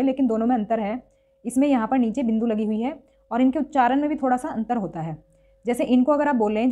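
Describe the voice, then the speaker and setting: Female teacher, slightly high, mellow voice, patient and methodical, lo-fi sound. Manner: patient, repeats sounds slowly to show pronunciation. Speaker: Hindi grammar teacher. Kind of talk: classroom-style lesson.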